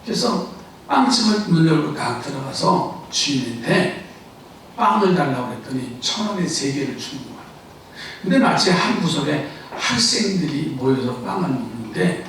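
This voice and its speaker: A man preaching a Sunday sermon, his fairly high voice carrying from a distance through a very echoey sanctuary. He tells a story with jokes and keeps asking the congregation to answer him, with a faint hiss underneath. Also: animated, moderate pace, a bit bright. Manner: humorous, asks the congregation questions and urges answers. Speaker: pastor. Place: church sanctuary. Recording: very echoey hall, voice from far off.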